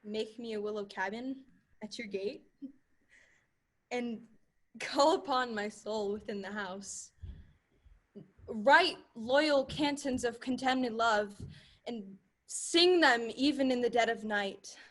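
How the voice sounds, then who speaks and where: A woman's voice: fairly high pitch, slow pace, pauses often, a bit bright. A woman acting a young woman disguised as a page, speaking Shakespearean verse with earnest passion. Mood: impassioned. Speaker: actor.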